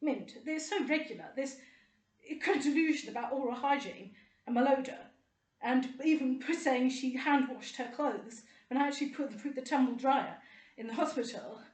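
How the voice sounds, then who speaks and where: A woman's voice: sits high, normal speed, echoey room. A middle-aged woman, delivering an indignant, rambling and sarcastic monologue to camera. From United Kingdom. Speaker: vlogger.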